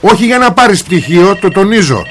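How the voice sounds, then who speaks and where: A man hosts a talk radio show and rants in a high, mocking voice. He talks in blunt slang with sarcastic jabs. Faint guitar music plays underneath. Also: big pitch swings. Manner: sarcastic, mocking, colloquial rant. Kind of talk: ranting political talk with callers.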